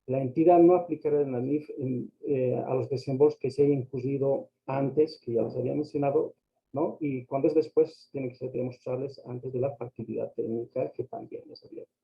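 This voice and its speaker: A man's voice: medium pitch, fairly even intonation, brisk, vocal fry. A man lecturing on accounting over a choppy, crackly microphone line, hesitant and full of fillers and tag questions. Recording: dull lo-fi sound, faint music behind.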